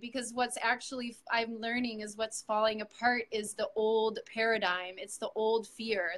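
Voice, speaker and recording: A woman's voice: a little high, a bit bright. A middle-aged woman, a yoga teacher, speaking earnestly and reflectively in an interview, with frequent fillers and restarts. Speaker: yoga teacher sharing her story with her coach. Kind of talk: heartfelt interview testimonial.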